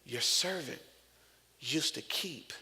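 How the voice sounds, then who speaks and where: A man pastor preaching a sermon with dynamic delivery, dropping to hushed asides and building to loud climaxes. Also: on the high side, expressive, slow pace. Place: church sanctuary. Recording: long reverb of a church hall.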